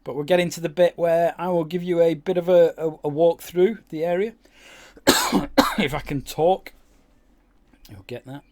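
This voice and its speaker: A man's voice: a little high, moderate pace, warm tone. A man giving casual, rambling commentary over his own gameplay, with many fillers and restarts. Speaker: game YouTuber.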